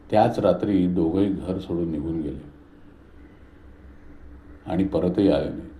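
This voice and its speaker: A man reading a story aloud in a calm, measured way. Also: low-pitched. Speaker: narrator. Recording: roomy echo.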